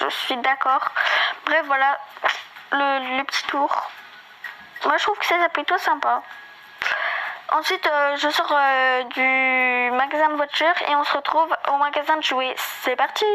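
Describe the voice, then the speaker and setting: Bright high-voiced woman chatting. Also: low-quality recording. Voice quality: slight lisp. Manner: hesitant, many fillers and restarts. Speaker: gaming video creator. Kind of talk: casual game walkthrough commentary.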